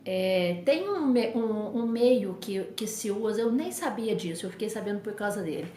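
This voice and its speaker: A woman's voice: medium pitch, animated, normal speed, mellow, roomy sound, a little hiss or hum. A woman with a Brazilian accent tells a personal story in a conversational way, often adding tag questions. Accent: Brazilian Portuguese.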